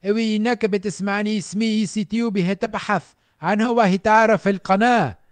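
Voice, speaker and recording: A man's voice: sits high, steady tone, fairly quick, no room sound, lightly acted. A man voicing a pushy, self-promoting young male streamer clone.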